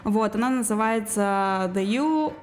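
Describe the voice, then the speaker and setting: A woman's voice: mid-range voice, a little slow, a little mellow. A woman guest on a radio show, talking casually about music with lots of fillers and restarts. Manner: hesitant, many fillers and restarts.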